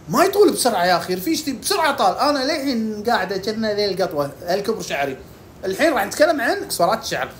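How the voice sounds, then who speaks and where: A woman's voice: fairly high pitch, a little hiss or hum. A woman giving casual health tips, asking and answering her own questions as she goes. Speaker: herbal health presenter.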